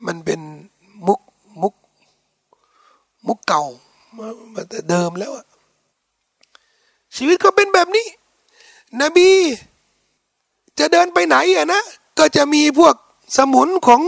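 Male preacher, storytelling lecture, gravelly and highly expressive, dry close sound. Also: slow pace, long pauses, dry recording. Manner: animated, colloquial, rhetorical questions to the audience. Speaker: Islamic preacher.

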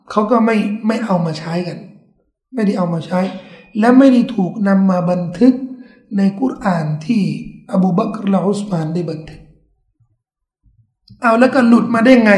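A man giving a religious lecture, explaining at length with emphatic rises in his voice. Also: very high-pitched. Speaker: religious teacher. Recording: echoey room.

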